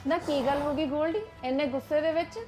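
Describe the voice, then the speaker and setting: A woman's voice: high voice, fairly even intonation, quick pace, over music, close to an everyday voice. A woman playing a fussing worried mother. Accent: Punjabi. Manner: fussing, soothing. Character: worried mother of a grown son.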